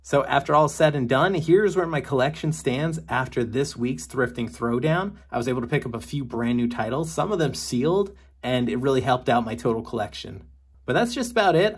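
At home, a young video game collector vlogger gives casual unboxing commentary on the games he brought back. His mid-range voice is slightly rough, and his delivery is chatty and wry, full of jokey asides.

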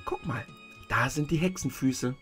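A man reading a storybook aloud and voicing a tiny, kindly old woman who is the good witch, softly and higher than his own voice. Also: lively intonation, measured pace, faint music behind. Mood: gentle. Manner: soft, gentle storyteller voice raised higher.

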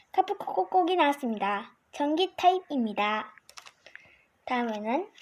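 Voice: sits high, a little hiss or hum. A child hosting an amateur card review, announcing each item in short formulaic phrases. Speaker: amateur video host reviewing trading cards. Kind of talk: card-by-card show-and-tell commentary.

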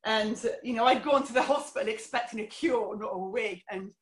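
A woman's voice: a little high, fairly quick. A middle-aged woman from England, candidly telling her life story as an interview guest, with many fillers. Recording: roomy echo.

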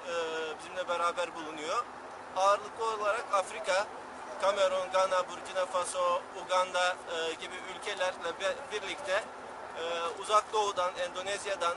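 A man in his thirties explaining his student group in an interview, with measured, hesitant phrasing. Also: high voice. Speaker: group leader of a student programme. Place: outdoors in a sunny town square. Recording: noisy outdoor street recording with vehicles.

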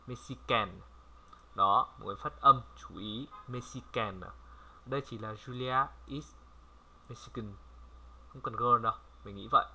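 A man from Vietnam giving a casual language lesson, chatty and repeating words slowly for viewers to copy. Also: medium pitch, sharp tone, slight background noise. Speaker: French language tutor. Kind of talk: casual screen-recorded lesson.

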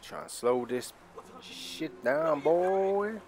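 British man, casual let's play commentary, slangy, sweary, jokily threatening, mid pitch, faint game ambience behind. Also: moderate pace, a little hiss or hum. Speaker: gamer playing a horror game. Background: horror game ambience.

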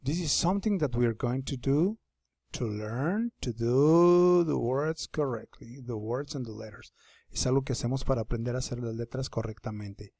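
A man teaching first graders in an online lesson, patient and slow, repeating each word for young learners at his computer. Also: mid-range voice, dark tone, breathy edge, no echo, studio quality. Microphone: computer microphone.

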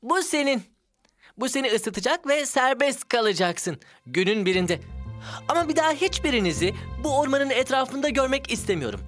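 A woman's voice: high-pitched, big pitch swings, moderate pace, faint music behind. A woman voicing a brave, kind young male frost sprite in a dubbed cartoon, talking in a firm, protective way. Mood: stern. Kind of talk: Turkish cartoon dub.

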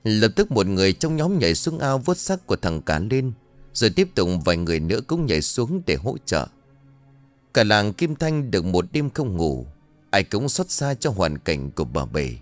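A man telling a scripted ghost story with an expressive, dramatic delivery. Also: on the low side, moderate pace, faint music behind.

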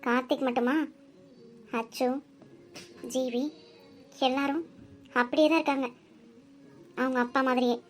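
A woman's voice: sits high, fairly even intonation, measured pace, pauses often. A woman voicing a chatty young woman in a cartoon who gossips and teases her cousins. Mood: teasing. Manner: teasing, chatty.

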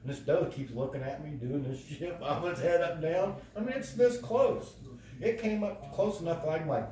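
At a moderate pace and with a slightly high voice, the man spins profane, lively stories, voicing other people's lines as he goes. The phone capturing him sits across the living room, giving a roomy, far-off sound with chatter behind it.

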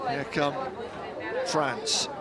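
A man's voice: a little high, big pitch swings, drawn-out words. A man giving live football commentary in short, clipped descriptive phrases. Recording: loud crowd and outdoor stadium noise.

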